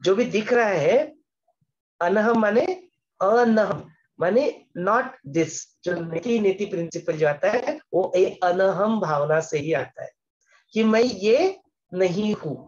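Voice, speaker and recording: A man's voice: high-pitched, slow pace, dull audio. A man giving an explanatory scripture lesson as a spiritual teacher, patiently repeating words and slipping English phrases into his talk.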